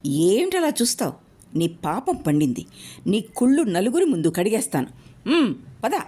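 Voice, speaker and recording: A woman's voice: medium pitch, sing-song, moderate pace, warm tone, breathy edge, voice pushed up. A woman voicing an outspoken young woman who accuses and scolds a man, in a storybook reading. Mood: angry.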